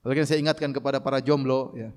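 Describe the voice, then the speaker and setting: In a hall with long reverb, a male preacher with a mid-range voice gives an animated sermon on Quranic commentary. He recites Arabic verses slowly and raises his voice to imitate people shouting.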